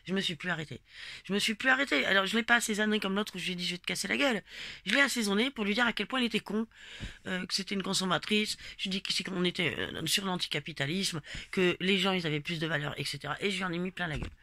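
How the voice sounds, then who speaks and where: A woman telling her listeners about a protest in a loose, rambling, animated way, swearing often and speaking to them directly. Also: on the low side, fast talker, dry recording. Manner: animated, emphatic storytelling with frequent swearing. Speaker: gilet jaune protester recounting a march. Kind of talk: casual spoken personal account.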